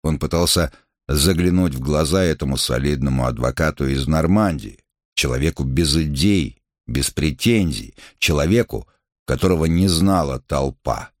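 Very deep-voiced male audiobook narrator. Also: no echo, studio quality. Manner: measured literary reading. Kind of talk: scripted narration.

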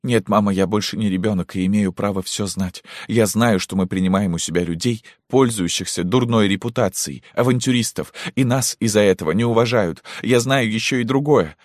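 A man's voice: on the low side, animated, moderate pace, dry recording, studio quality, pitched above the performer's own voice. A man voicing a tearful young girl who pleads dramatically with her mother, in an audiobook. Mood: defiant.

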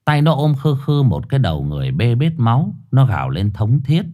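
A man narrating a ghost story in a lively, colloquial storytelling manner. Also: medium pitch, fairly quick.

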